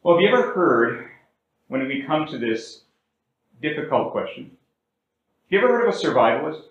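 A man preaching a sermon as pastor, with big swings in pitch and volume and slow, drawn-out words for emphasis. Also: sing-song, very echoey, muffled recording. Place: church sanctuary.

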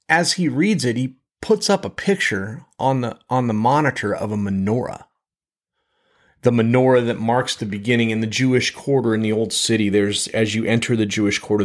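A man's voice: lowish voice, moderate pace. A man teaching a Bible lesson in a conversational way, often repeating words and checking in with his listeners.

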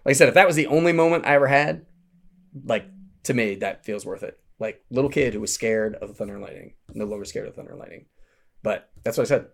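A man guest on a podcast telling rambling, animated stories from his work as a summer camp counselor. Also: fairly low pitch, fast, vocal fry. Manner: rambling, animated storyteller with restarts. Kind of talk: casual anecdotal storytelling.

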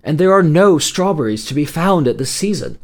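Worried parents, read by a man, soft and soothing. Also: a little high, animated, a little fast, voice pushed up. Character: gentle worried parents of a sick girl.

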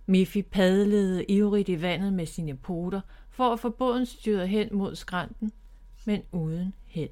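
Woman gently reading a children's story. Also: medium pitch. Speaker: children's author and narrator.

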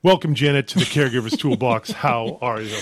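A man's voice: mid-range voice, fairly quick, no echo, clean studio sound. A man hosting a casual podcast, jokey and rambling, often restarting his sentences. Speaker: podcast host and home care business owner.

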